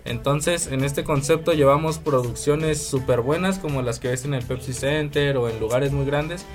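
Young guy from mexico city explaining his music business, earnest, faint music under. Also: medium pitch. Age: 20s. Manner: earnest, explanatory, slow in places. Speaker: guest, concert promoter and singer. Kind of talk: interview answers.

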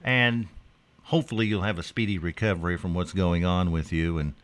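A man's voice: sits low, fairly even intonation, a little fast, fairly bright tone. A man hosting a morning radio show with wry, teasing, casual storytelling and comic banter.

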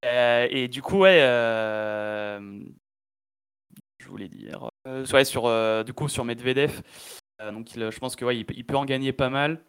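A man's voice: medium pitch, fairly even intonation, unhurried, fairly bright tone, clear, resonant tone. A man from France hosting a casual chat, hesitant and full of restarts and fillers.

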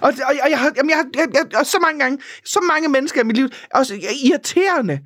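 A woman co-hosting a podcast in casual chat, ranting in an animated, exasperated way and swearing freely. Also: sits high, no echo, studio quality. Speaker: podcast co-host.

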